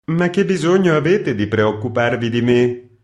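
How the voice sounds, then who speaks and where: A man's voice: medium pitch, animated, moderate pace, darkish tone, lo-fi sound, pitched above the performer's own voice, natural voice. A man voicing a blunt, mocking male prankster who brushes off an accusation dismissively. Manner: curt and dismissive.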